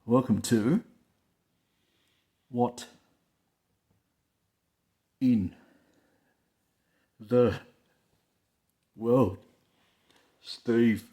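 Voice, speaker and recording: A man's voice: medium pitch, fairly even intonation, drawn-out words, pauses often, warm tone. A man hosting his own vlog, chatting casually to camera, with rambling talk full of fillers, recorded on a phone on a stand. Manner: rambling, full of "like, you know" fillers, laughs often. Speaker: vlog host.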